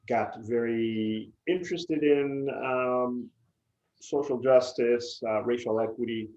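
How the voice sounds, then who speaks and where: A man from Puerto Rico, a native Spanish speaker, answering interview questions thoughtfully with many filler pauses. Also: fairly low pitch, mellow, dull audio. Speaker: interview guest, PR agency CEO.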